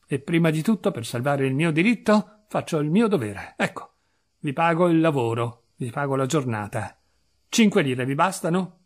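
A man acts out a hot-tempered, penny-pinching landowner who exclaims and scolds in a flurry. The voice leaps high and stays husky, always agitated. Told as a spoken storybook. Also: animated, moderate pace. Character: irascible middle-aged male landowner, fussy and stingy.

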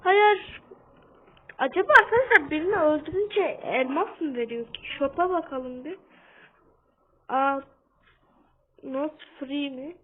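High-voiced gamer on a tinny line. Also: female voice, lively intonation, measured pace, pauses often. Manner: talks a bit loudly on purpose, keeps calling out to viewers. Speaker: gaming channel host. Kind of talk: casual gameplay commentary. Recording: tinny phone-like sound.

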